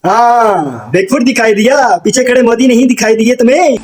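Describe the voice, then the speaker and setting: A man's voice: very high-pitched, expressive, moderate pace, music in the background. A man doing a comedic roast voice-over, mocking with crude jokes. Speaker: roast commentator.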